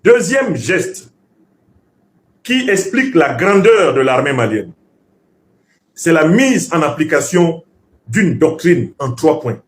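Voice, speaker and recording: Taking it slowly and pausing often, a Bassa-raised male commentator on politics delivers an oratorical, professorial lecture, hammering points through repetition. He is very animated, his slightly high voice ranging widely in pitch.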